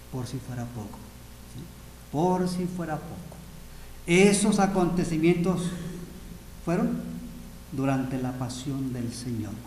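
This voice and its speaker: A Mexican-accented male pastor preaching a dramatic sermon and calling his listeners brothers. His voice is high for a man, and he is recorded in a large seminary hall with a long, ringing reverb. Faint room noise runs underneath. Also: darkish tone.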